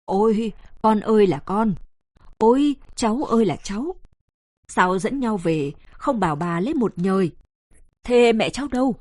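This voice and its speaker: A woman's voice: mid-range voice, expressive, normal speed, a little mellow, dry recording, close to an everyday voice. Lady putting on an old village mom crying out, broken and wailing, dry close voice. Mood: overjoyed. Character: grieving elderly mountain village mother.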